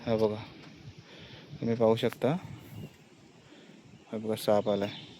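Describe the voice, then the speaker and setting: A village vlogger walks along a village lake, filming on a handheld phone and giving a plain, explanatory tour as he points things out. His voice is fairly low, mellow, and flat, and he speaks slowly. Slight background noise accompanies this casual walk-and-talk.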